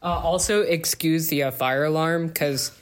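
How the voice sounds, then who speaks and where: A man co-hosting a podcast, telling work stories in a wry, deadpan way during casual chat. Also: fairly high pitch, measured pace. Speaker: podcast co-host.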